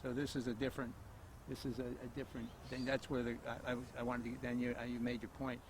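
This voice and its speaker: Halting man interviewing outdoors, faint noise. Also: medium pitch, monotone. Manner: halting, restarts questions. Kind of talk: interview questions. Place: outdoors in a park.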